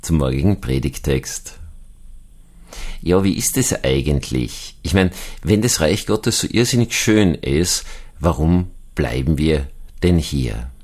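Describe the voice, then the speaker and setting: A middle-aged Austrian pastor with an Austrian German accent, giving a conversational sermon reflection and often repeating words for emphasis. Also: male voice, very deep voice, expressive, slow, a little mellow. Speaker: Protestant pastor. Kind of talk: spoken sermon reflection for an online audience.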